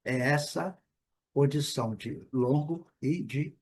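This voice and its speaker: A man teaching English pronunciation in Portuguese, patiently repeating each word slowly and correcting himself as he goes. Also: medium pitch, a little mellow, husky. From Brazil. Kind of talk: explaining pronunciation with repeated examples.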